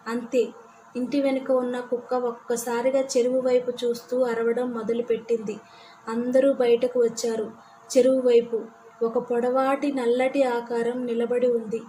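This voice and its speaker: A woman telling a scripted horror story in a steady, measured way. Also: fairly high pitch, a little hiss or hum, low-quality recording.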